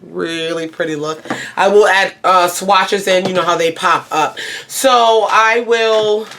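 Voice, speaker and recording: A woman with a slightly low voice talks through a casual beauty review. She rambles in a chatty way, doubling back on her own sentences and repeating phrases as she goes. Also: fairly even intonation, takes it slowly, fairly bright tone, a little hiss or hum. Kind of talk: casual makeup review to camera.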